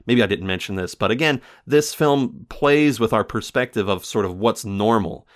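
A man's voice: fairly low pitch, normal speed. A man hosting a casual film review show, rambling with many fillers and self-corrections and laughing often.

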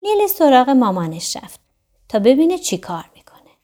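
A woman narrating a children's audiobook in an expressive, sing-song storytelling manner. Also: high voice, faint music behind.

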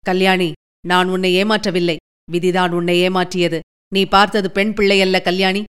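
A gentle, resigned young outlaw on his deathbed, speaking faintly and tenderly, voiced by a woman reader. The voice sits lower than her own, smooth and resonant. It is a storybook reading. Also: flat delivery, normal speed, lightly acted.

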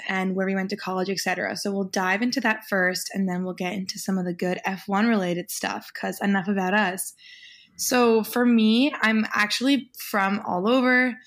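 Brief: twenties woman co-host, mid pitch, calm and measured. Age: 20s. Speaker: podcast co-host. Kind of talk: casual podcast chat.

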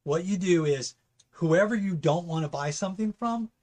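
A man in his fifties from California with a somewhat high voice, co-hosting a casual talk. He speaks bluntly and keeps restating his points until they land. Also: moderate pace, a little mellow. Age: 50s. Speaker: podcast co-host. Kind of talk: casual opinion chat.

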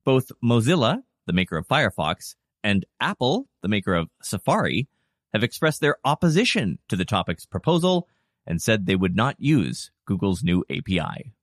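A man's voice: on the low side, big pitch swings, normal speed, no room sound, clean studio sound. A man hosting a news podcast, delivering scripted reports and casual asides as a presenter.

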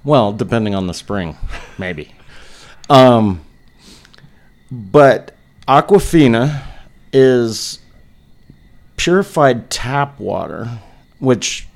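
A man's voice: medium pitch, animated, very slow, gravelly, pauses often. A man co-hosting a podcast, talking in a laid-back, casual way and swearing freely. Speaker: podcast co-host.

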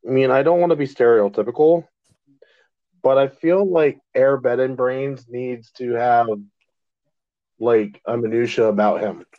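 A man co-hosting a casual podcast, talking at an easy, unhurried clip and laughing often. His voice sits in a middling register. The recording is dry and a little dull and lo-fi. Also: medium pitch, dry recording. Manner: laid-back, laughs often, drawn-out phrasing. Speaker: podcast co-host. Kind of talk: casual chat. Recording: dull lo-fi sound.

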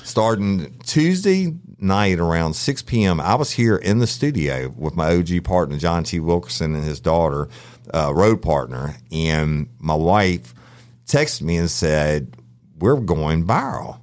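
Deep-voiced man in natural, unscripted podcast banter. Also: expressive, measured pace, a little mellow. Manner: boisterous, joking banter. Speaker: podcast co-host. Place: podcast studio.

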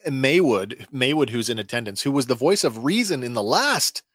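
A man's voice: medium pitch, animated, normal speed, a bit bright, no room sound. Man recapping an episode in a dry room. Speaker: podcast co-host. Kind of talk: recapping an episode, then casual chat.

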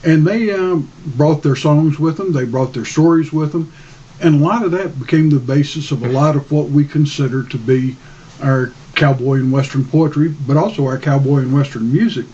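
Mellow, measured man on slightly dull audio. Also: fairly high pitch. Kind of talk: informal explanatory discussion.

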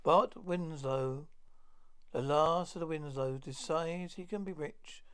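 A man giving a dramatic, halting reading of a horror story as storyteller, often stumbling and repeating words. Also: a little high, fairly even intonation, smooth.

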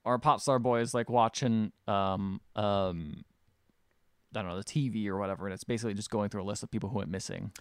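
A man co-hosting a podcast in casual chat, chatty and filling pauses with "like". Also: on the low side, clear, resonant tone, no room sound, studio quality. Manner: animated, chatty, many fillers. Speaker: podcast co-host.

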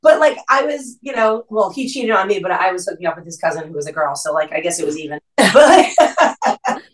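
A woman in her thirties with a New Jersey Italian-American accent, a podcast guest telling a story in an animated way and saying "like" a lot. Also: lowish voice, a little fast, distant mic, rough recording. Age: 30s. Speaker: podcast guest, restaurant co-owner. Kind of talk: casual chat.

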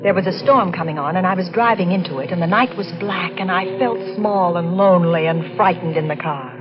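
A lead actress narrates in first person as a jittery young woman driving solo at night, tense and breathless in 1940s radio-drama fashion. Her voice is natural, on the low side, and brisk, with a loud crowd audible. It comes through as a dull vintage radio recording with music.

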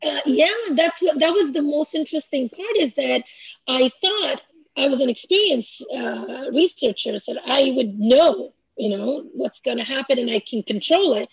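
A woman who is an author and language researcher answers interview questions thoughtfully, using many fillers and restarts. Her voice is high and gravelly at a moderate pace, with no echo, in a slightly dull lo-fi recording.

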